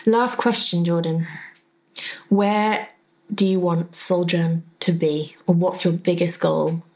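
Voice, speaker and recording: A woman's voice: fairly low pitch, fairly even intonation, takes it slowly, darkish tone. A woman hosting a casual interview podcast. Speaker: podcast host.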